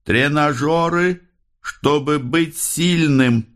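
A man's voice: on the high side, slow pace, fairly bright tone, voice pushed up. A man voicing a disturbed male detective who mumbles obsessively, his speech slurred.

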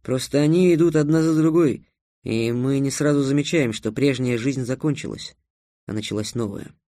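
A man voicing an earnest, cautious young hero, speaking low and subdued. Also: moderate pace, warm tone, no echo, studio quality, natural voice.

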